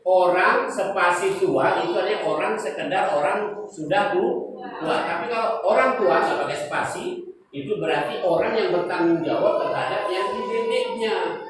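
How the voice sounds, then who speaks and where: A man's voice: sits high, moderate pace, recorded from a distance. Middle-aged palembang guy giving a seminar, jokey, asks the crowd questions, super echoey hall, noisy. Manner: joking, quizzes the audience. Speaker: guest speaker. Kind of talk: seminar talk to parents.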